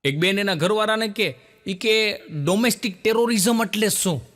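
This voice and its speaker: Comic guy, folksy jokes on stage, high voice. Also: normal speed, fairly bright tone. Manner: folksy joke-telling to a laughing audience. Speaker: comedian. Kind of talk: live stand-up storytelling.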